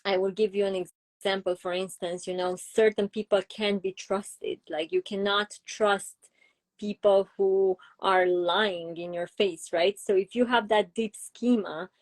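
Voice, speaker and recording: A middle-aged Romanian child psychologist with a Romanian accent is being interviewed, explaining her ideas through examples and using frequent fillers. Her voice is mid-range and her pace measured.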